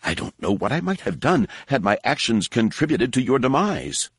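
A man's voice: mid-range voice, sing-song, normal speed, breathy edge, dry recording, clean studio sound, voice pushed up. A man reading an audiobook voices a fussy, anxious male protocol droid with prim, butler-like formality. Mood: fretful. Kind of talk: audiobook narration.

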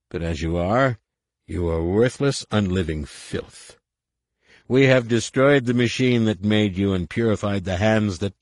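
A man's voice: on the low side, dry recording, clean studio sound. A man doing a hissing, sneering alien warlord. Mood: cold. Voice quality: hissing, slow and menacing. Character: cold, sneering alien warlord in disguise, cruel and contemptuous.

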